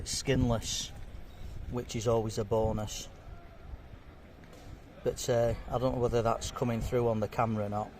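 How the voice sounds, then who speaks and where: Over a very noisy background, a man with a mid-range voice gives a casual food review of fish and chips to camera. This vlogger keeps it chatty and jokey, talking through mouthfuls between bites.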